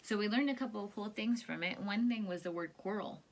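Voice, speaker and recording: This storyteller is a woman with a mid-range voice who reads fairly quickly from a picture book to kids. She keeps it instructive, often pausing to ask questions, in a home recording with faint hiss.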